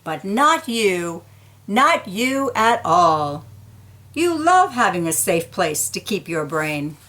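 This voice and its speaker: A woman with a mid-range voice reads a children's picture book aloud, expressive and deliberate, giving key words a playful emphasis.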